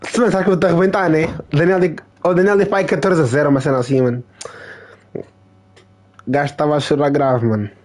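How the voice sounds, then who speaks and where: Here a young gamer with a European Portuguese accent chats casually while streaming a football match, excitable and full of repetitive trash talk. He talks fast at a fairly high pitch, broken up by long pauses.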